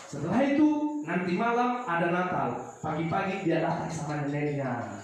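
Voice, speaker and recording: A man tells a story to children in a high, lively voice, repeating phrases as he goes. His pitch jumps all over. He is recorded from a distance in a very echoey room with faint noise behind. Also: normal speed. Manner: animated, repetitive.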